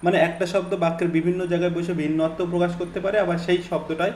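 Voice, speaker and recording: A man's voice: sits high, level tone, fast talker, a little mellow. A man patiently explaining an English lesson, repeating his points with many fillers. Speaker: English exam tutor. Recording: echoey room, faint hiss.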